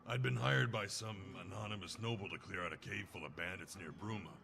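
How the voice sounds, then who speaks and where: A man voicing a grim, weary mercenary in a game, talking curtly and gruffly. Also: fairly low pitch, steady tone, a little fast, bright, forceful tone, slight background noise. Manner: gruff, brooding, curt. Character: grim weary male mercenary searching for his wife. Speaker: game character. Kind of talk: game voice acting.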